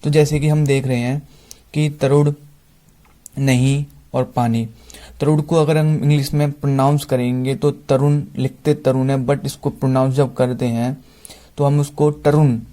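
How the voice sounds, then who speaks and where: A man with an Indian accent teaching English phonetics in Hindi, slowly repeating each example word. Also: medium pitch, warm tone. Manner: slow, repeats example words one by one. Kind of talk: Hindi-language phonetics lesson.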